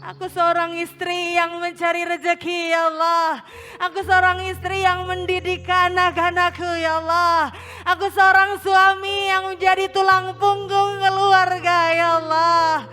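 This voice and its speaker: High bright-voiced woman leading tearful prayer. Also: level tone, faint music behind. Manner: tearful pleading, swelling loud then hushed, slow and drawn out. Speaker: religious teacher leading guided prayer. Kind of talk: emotional guided prayer with music.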